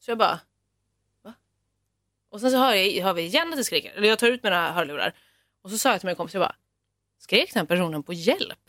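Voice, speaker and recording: A young woman co-hosting a podcast in casual chat, telling stories in a lively way and acting out the voices of the people in them. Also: mid-range voice, no room sound, clean studio sound. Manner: lively storyteller who acts out quoted voices. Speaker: podcast co-host. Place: Gothenburg.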